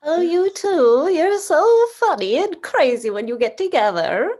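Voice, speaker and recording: A woman in a casual chat with improv friends, playful and quick to back others up. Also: sits high, very animated, a little mellow, a little hiss or hum. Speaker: improv performer.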